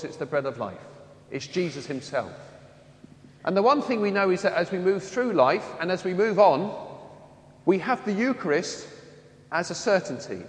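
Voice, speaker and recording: Chatty priest in an echoing church. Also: male voice, high voice. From Wembley, London. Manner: chatty, anecdotal, self-mocking humor. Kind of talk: sermon. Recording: echoey church with long reverb.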